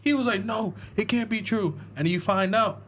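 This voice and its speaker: A man on a casual podcast, retelling a movie's plot with animated storytelling and acting out the characters' lines. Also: sits high, moderate pace, slight background noise. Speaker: podcast co-host reviewing a film. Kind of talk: casual chat.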